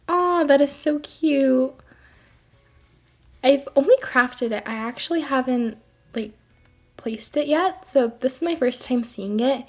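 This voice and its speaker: Woman, high voice, congested throat, chatty gameplay commentary, gushes over cute details. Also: a little mellow. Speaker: gaming video creator.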